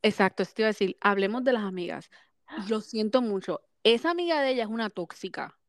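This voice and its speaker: A woman co-hosting a podcast, reacting quickly and switching between Spanish and English as she chats about a reality show. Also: mid-range voice, animated, no echo, studio quality. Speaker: podcast co-host.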